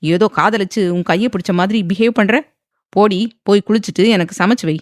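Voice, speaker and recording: A man's voice: high voice, brisk, no echo, close to an everyday voice. Woman narrator doing a bossy, menacing husband in an audio drama, barking orders, dry close sound. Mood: harsh. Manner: harsh and commanding. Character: domineering threatening young husband.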